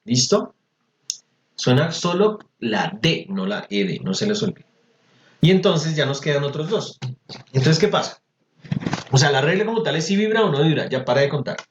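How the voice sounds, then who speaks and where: A man's voice: fairly high pitch, expressive, moderate pace, long pauses, background noise. A man teaches pronunciation over a video call, patient and chatty. He repeats words to drill them. His sound is roomy and slightly dull. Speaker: English teacher. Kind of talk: online class explaining pronunciation. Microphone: computer mic on a video call.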